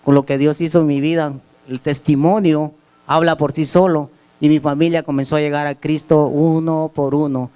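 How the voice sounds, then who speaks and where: A man's voice: on the high side, level tone, normal speed, warm tone, clean tone. Earnest man giving testimony. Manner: earnest storytelling, repeating words and restarting phrases. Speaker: church member giving testimony. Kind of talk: church testimony. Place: church service.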